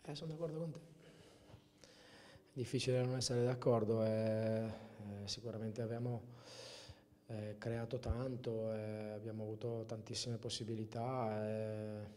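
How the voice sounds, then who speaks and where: A man in his forties, a football coach, giving a measured post-match interview with hesitant pauses between phrases. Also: fairly low pitch, steady tone, dark tone, a little hiss or hum. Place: indoor press area with sponsor backdrop. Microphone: handheld interview microphone held close.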